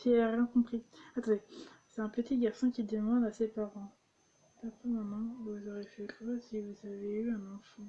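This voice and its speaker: A woman's voice: a little high, level tone, moderate pace, warm tone, lo-fi sound. A young woman reading jokes aloud and explaining them, giggling often and tripping over her words. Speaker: vlogger.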